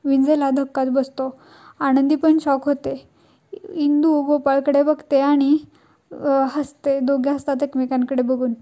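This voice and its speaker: A woman recapping a TV serial episode in a high, flat voice. Her tone is mellow and dark, and she tells the story plainly and steadily. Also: measured pace.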